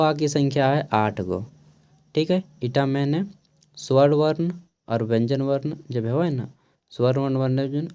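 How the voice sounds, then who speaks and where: Man, Khortha-inflected Hindi accent, mellow tone, exam-prep teacher, patient repeated explanations. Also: mid-range voice. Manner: explains slowly, repeats and checks with "ठीक है".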